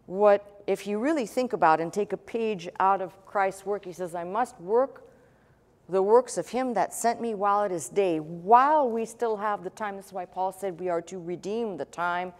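A woman pastor preaching a sermon, measured and emphatic, with rhetorical questions. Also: mid-range voice. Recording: long hall reverb.

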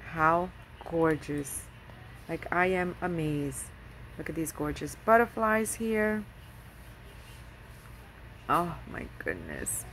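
A woman's voice: lowish voice, takes it slowly, slight background noise. Gushing woman showing off crafts. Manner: gushing, excitable, with many fillers. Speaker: craft vlogger. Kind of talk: casual show-and-tell.

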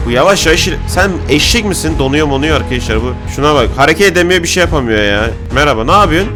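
A young man rattles through his gameplay at a quick clip, joking and yelling at the characters on screen. His voice sits a little high. Game music plays steadily under him. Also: animated. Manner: loud, jokey, shouting at game characters. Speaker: gaming YouTuber. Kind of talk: excited let's-play commentary.

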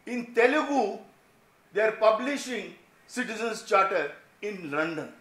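A man's voice: sits high, lively intonation, a little slow, noisy background. A man gives an impassioned, emphatic public address, repeating himself and posing rhetorical questions. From India. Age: 60s. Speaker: speaker at a health insurance summit. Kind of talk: impassioned public address, switching between English and Hindi. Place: indoor conference hall, standing on stage. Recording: roomy hall echo.

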